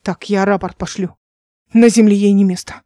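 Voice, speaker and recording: A woman's voice: mid-range voice, steady tone, normal speed, dark tone, no echo, studio quality, lightly acted. A woman reading as a curt, commanding young officer.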